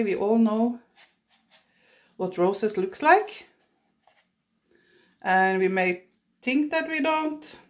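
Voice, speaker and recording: A Norwegian watercolor artist, a native speaker with a Norwegian accent, chats casually while painting at an indoor table during a demonstration. Her voice is medium-pitched, and she laughs often and pokes fun at herself. The clip was recorded on a phone.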